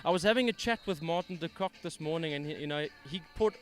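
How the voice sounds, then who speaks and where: A man's voice: fairly high pitch, quick pace. A man hosting a live fishing-tournament broadcast, chatty and upbeat while out of breath. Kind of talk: live interview. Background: faint music.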